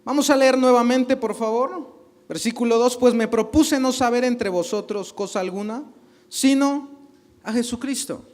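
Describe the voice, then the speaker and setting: A man's voice: very high voice, moderate pace, a little mellow. A male pastor preaching a sermon, asking the congregation questions and acting out little dialogues.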